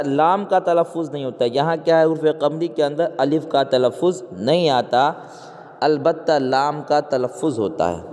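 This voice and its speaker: Male teacher, drilling grammar, quizzes and answers himself, slightly high voice, long hall reverb. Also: darkish tone. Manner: quizzing, repeating questions and answering them himself; counts aloud and spells out letters one by one. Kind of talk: exam-prep grammar lesson.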